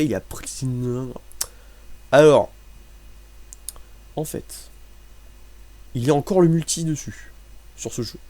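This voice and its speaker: A man's voice: mid-range voice, warm tone, no room sound. A young man from France giving casual, joking gameplay commentary, rambling and mocking himself as he plays. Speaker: gaming commentator.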